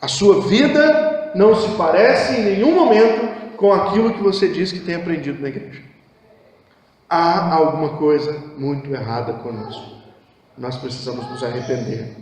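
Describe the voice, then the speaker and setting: A man with a Brazilian Portuguese accent preaching a sermon as pastor, with impassioned delivery that swings between hushed low phrases and raised exhortation, recorded in a church hall. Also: normal speed. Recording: echoey church hall with long reverb.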